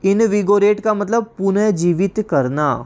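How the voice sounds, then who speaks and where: A male teacher giving an exam-prep class lecture, explaining slowly and repeating words to spell them out. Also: sits high, darkish tone.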